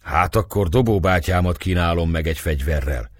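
A man's voice: sits low, dry recording, clean studio sound. A man voicing a wounded young soldier who talks in an eager, respectful way. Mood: earnest. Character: wounded young male soldier, earnest and proud.

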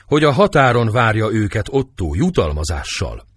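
Male reader as humble old servant, deep dry voice, halting telling. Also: sing-song, husky, no echo. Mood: grim.

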